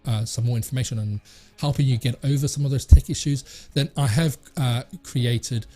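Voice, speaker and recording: A man's voice: medium pitch, moderate pace, dark tone, soft background music. A man hosting a tech channel, talking casually to camera and rambling with many fillers and restarts.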